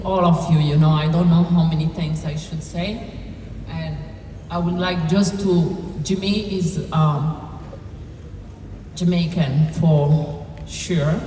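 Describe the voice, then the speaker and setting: Woman from morocco and france thanking everyone at a memorial, slow halting speech, mellow voice, big echoey hall. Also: sits low, slight background noise. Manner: slow, hesitant, with many pauses. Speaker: widow giving thanks at a memorial. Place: large hall at a podium. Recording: echoey hall, mic picked up from a distance.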